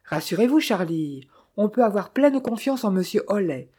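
A woman reading the lines of an impatient young heir with brisk, offhand talk. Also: medium pitch, expressive, warm tone, husky.

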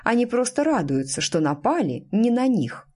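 Expressive woman audiobook narrator. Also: a little high, moderate pace, slightly rough. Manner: expressive storytelling with lively intonation. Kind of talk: scripted narration.

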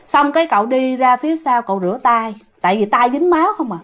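A woman's voice: sits high, expressive, fast talker, a bit bright. A woman with a Southern Vietnamese accent telling a ghost story in a chatty, repetitive way, addressing her listeners.

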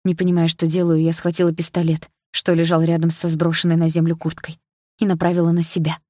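A woman narrating a first-person audiobook in an even, intimate reading. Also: low voice, quick pace, no echo, clean studio sound. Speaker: audiobook reader.

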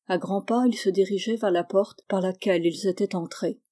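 A woman narrating a classic novel as an audiobook reader, in a steady, even storytelling manner. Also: medium pitch, normal speed. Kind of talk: scripted narration.

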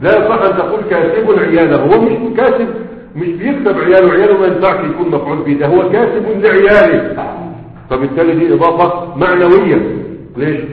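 Man, grammar lecture, rhetorical questions, quick delivery, slightly high voice, echoey hall, tinny lo-fi recording. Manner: explains with repeated rhetorical questions to students. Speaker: grammar teacher. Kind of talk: classroom lecture. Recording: echoey hall, phone-like lo-fi sound.

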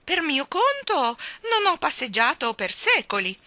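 A woman voicing an eccentric, bossy old woman with a shrill, squawking voice, speaking in emphatic, drawn-out exclamations. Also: huge pitch swings, pushed and bright, dry recording, full character voice.

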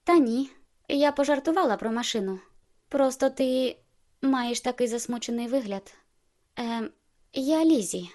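A woman's voice: on the high side, unhurried, pauses often, a little mellow, natural voice. A woman voicing a friendly, cheerful young woman in an audiobook, talking in a playful, teasing way.

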